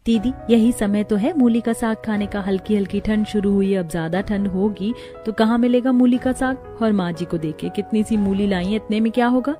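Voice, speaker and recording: A woman's voice: medium pitch, a little fast, few pauses, mellow, faint music behind, close to an everyday voice. A woman voicing young daughters-in-law in a cartoon family story, chatty and complaining.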